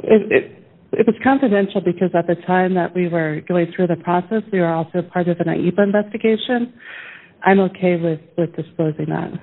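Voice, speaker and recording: Speaking briskly in a fairly low voice, a woman argues a case conversationally as a plaintiff's attorney. The recording is thin, phone-like courtroom audio.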